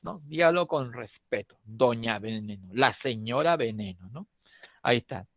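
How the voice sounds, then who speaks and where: In dull audio without echo, a middle-aged man from Lima, Peru, speaks in a mid-range, expressive voice at normal speed with a Peruvian Spanish accent. His prep-course language lecture is chatty and full of jokes with the students, and he often ends lines with "¿no?".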